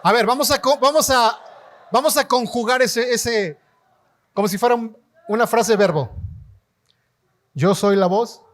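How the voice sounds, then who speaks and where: A man preaching a sermon as pastor, leading his congregation in call-and-response and rising to shouts. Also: very high-pitched. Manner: slow, emphatic delivery, rising to shouts. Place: church hall before a congregation.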